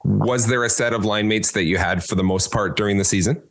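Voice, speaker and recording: A man's voice: lowish voice, a little fast, fairly bright tone. Upbeat man hosting a podcast. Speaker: podcast host. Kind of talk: interview questions.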